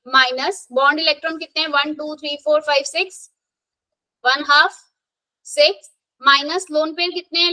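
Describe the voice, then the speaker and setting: Brief: high-pitched woman, brisk classroom chemistry teacher, quizzing and counting aloud. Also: bright, forceful tone, low-quality recording. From India. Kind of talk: live classroom revision lesson.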